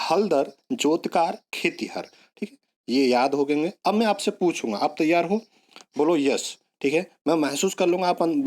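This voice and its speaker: A man's voice: on the high side, darkish tone. A male teacher giving an online exam-prep lesson, repeating words and coaxing students along with memory tricks.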